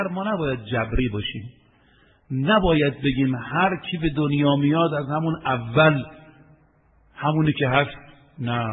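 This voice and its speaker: A man delivering a sermon in a fairly high voice, with long reverb from a hall. The sound is thin and phone-like, with faint hiss underneath. He asks rhetorical questions and recites Arabic verses. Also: slightly rough. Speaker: preacher. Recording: echoey hall over tinny phone-like line, faint hiss.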